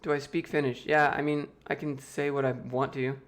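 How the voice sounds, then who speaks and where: An American YouTube host runs a casual livestream Q&A, reading viewer questions aloud and tossing off loose, joking answers. His voice sits at medium pitch with little movement, and he talks at a normal speed.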